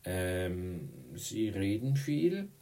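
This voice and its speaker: A man's voice: low-pitched, very animated, drawn-out words, dark tone, heavily acted. A man voicing a cheeky, crude sixth-grade boy in an audiobook, with a mocking, mumbling manner. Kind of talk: audiobook reading.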